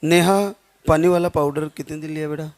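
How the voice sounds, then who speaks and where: A man's voice: a little high, fairly even intonation, a little fast. A man hosting devotional interviews, asking short questions and offering blessings.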